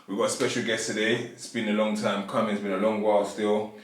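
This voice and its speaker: A man's voice: lowish voice, little pitch movement, fast talker, a little hiss or hum. A man hosting a podcast and asking his guest easygoing questions. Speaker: podcast host. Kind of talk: casual interview chat. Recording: echoey room, mic at a distance.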